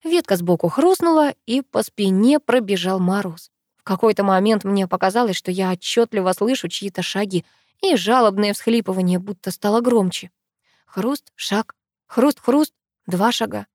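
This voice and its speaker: Expressive woman reading an audiobook. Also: mid-range voice, normal speed, dry recording, clean studio sound. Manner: expressive, lively storytelling. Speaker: audiobook narrator. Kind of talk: first-person audiobook narration.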